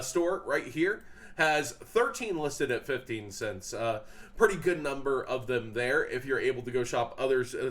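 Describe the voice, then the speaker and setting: A young man with a stuffy, congested voice, on the high side and fairly bright, sniffles as he chats casually about card prices. As a card market commentator, he's full of fillers and restarts.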